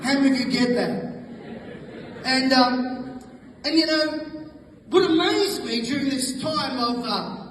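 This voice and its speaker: A middle-aged Australian man giving a fiery, fast rally speech with stammering restarts. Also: extremely high pitch, fairly bright tone, slight background noise. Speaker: rally speaker. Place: large hall, heard from afar. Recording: echoey hall from far off.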